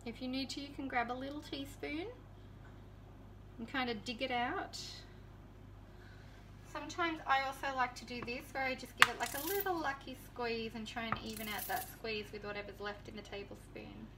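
A woman's voice: a little high, fairly even intonation, normal speed, far from the mic, noisy background. A woman in her thirties chatting casually to viewers as she cooks in her home kitchen. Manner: chatty, easygoing, talks to viewers while cooking. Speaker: home cooking vlogger. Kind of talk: casual cooking demonstration.

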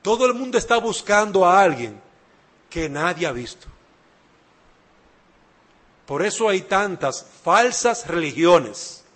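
A man's voice: high voice, fairly bright tone. A man preaching a sermon, emphatic and repeating key phrases, speaking straight to the listener. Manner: addresses listener directly.

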